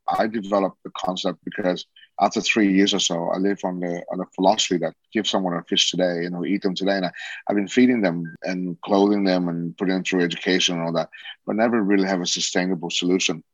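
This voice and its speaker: A fast-talking man in his 40s from Australia, a social entrepreneur being interviewed, speaks in a low, flat-pitched voice with no echo. His manner is casual and rambling, full of restarts, and the recording sounds dull and lo-fi.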